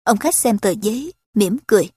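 A woman narrating a novel aloud in a steady, clear reading voice. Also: mid-range voice, fairly quick, no echo, clean studio sound. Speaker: audiobook narrator. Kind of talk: storybook narration.

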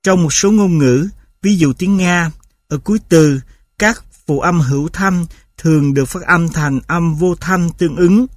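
A man reads a textbook aloud at an even, measured pace, with a voice a touch higher than most men's. He taps out examples in short, clipped rhythmic beats. The recording is close and dry, with no room sound. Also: dry recording. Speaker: narrator reading a linguistics textbook. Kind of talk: audiobook-style textbook reading.

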